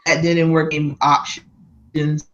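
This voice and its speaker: A woman gives coaching feedback over a video call, speaking slowly with plenty of ums. Her audio keeps breaking up into choppy, stuttering fragments. The sound is dull and lo-fi. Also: low-pitched, level tone. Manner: slow, measured, with many ums. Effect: choppy, breaking-up internet call audio. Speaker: coaching trainer. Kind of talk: feedback on a practice session.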